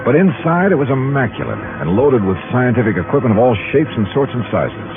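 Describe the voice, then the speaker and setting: An actor playing a sharp, skeptical insurance investigator, dry and conversational, in a 1950s detective radio drama. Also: male voice, medium pitch, sing-song, brisk. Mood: brisk, suspicious. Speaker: lead actor and narrator. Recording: muffled 1950s radio recording with music.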